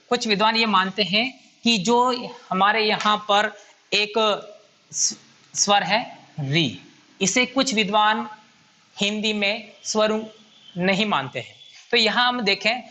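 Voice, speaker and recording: A man's voice: high voice, sharp tone. A man teaching a grammar lesson at a whiteboard, patiently repeating and counting items aloud.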